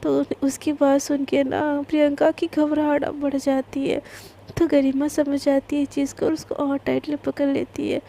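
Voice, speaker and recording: A woman's voice: high voice, monotone, normal speed, vocal fry, warm tone, a little hiss or hum. A woman telling a love story in a casual, chatty way, mixing into her talk and using lots of fillers. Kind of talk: casual spoken story narration.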